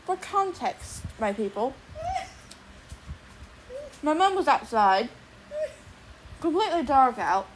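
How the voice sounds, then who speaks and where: A woman's voice: sits high, big pitch swings, takes it slowly, pauses often, a little hiss or hum, poor audio. A young adult woman streamer chatting casually while she draws, thinking aloud and swearing now and then. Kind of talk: casual livestream chat while drawing.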